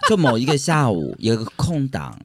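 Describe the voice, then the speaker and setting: A man's voice: mid-range voice, huge pitch swings, brisk, noisy background. A man co-hosting a podcast, chiming in with teasing quips during casual chat. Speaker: podcast co-host.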